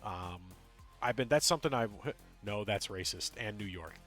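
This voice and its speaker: Lively mumbling male game streamer. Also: on the low side, faint music behind. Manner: tends to mumble and talk fast; rambling, full of ums and uhs. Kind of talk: casual gameplay commentary, chatting with viewers.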